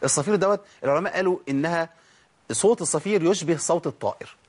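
Egyptian guy teaching tajweed, quick and kinda husky, keeps quizzing ppl and sounding out letters. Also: on the high side, darkish tone. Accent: Egyptian Arabic. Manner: quizzes listeners, answers his own questions, demonstrates letter sounds. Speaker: Quran recitation teacher. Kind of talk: recorded tajweed lesson.

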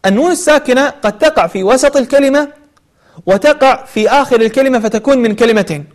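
A man teaching the rules of Quran recitation. He explains each rule and then recites examples slowly, repeating them. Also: very high-pitched. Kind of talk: tajweed lesson.

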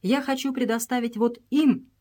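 A woman's voice: fairly high pitch, steady tone, normal speed, warm tone, voice pushed up, natural voice. A regal princess who gives orders with cold, solemn authority, as a woman narrating a storybook puts her on. Her lines are raised and weighty against the plain narration.

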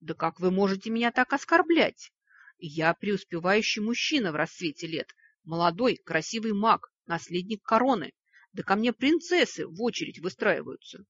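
A woman's voice: medium pitch, lively intonation, moderate pace, fairly bright tone, husky, no echo. A woman voicing a talking wolf, a pompous and wordy male lord under a curse, in a storybook reading. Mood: indignant. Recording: dull lo-fi recording.

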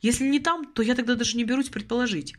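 A woman's voice: fairly high pitch, quick pace, pitched above the performer's own voice, close to an everyday voice. A woman voicing a weary, put-upon young man who groans and grumbles, in an audiobook reading. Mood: glum. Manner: groaning, glum.

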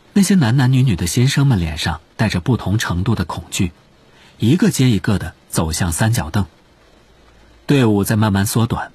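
A man narrating an audiobook in an expressive storytelling manner. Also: lowish voice, slightly rough, no room sound.

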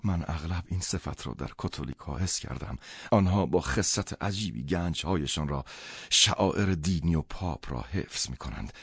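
A man reading a novel aloud as an audiobook narrator, in measured first-person storytelling. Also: a bass voice, animated, husky, dry recording, clean studio sound.

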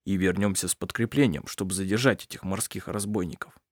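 A man's voice: medium pitch, brisk, no room sound, close to an everyday voice. Brief: male reader as a worried father, firm, earnest, near natural voice, dry recording. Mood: earnest worry. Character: worried middle-aged father, protective.

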